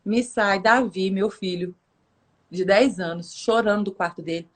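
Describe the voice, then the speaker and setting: A woman, telling a faith story in a lively, casual way, acting out voices and laughing often. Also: unhurried. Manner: lively, acts out quoted voices with big pitch jumps.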